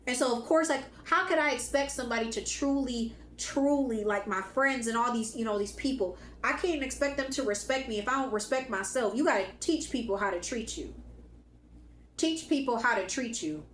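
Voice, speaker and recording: A woman whose voice is going hoarse gives an emphatic, casual spiritual pep talk to her viewers. She speaks, repeats her key lines and swears now and then. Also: a little high, normal speed, roomy sound, slight background noise. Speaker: spiritual channel host.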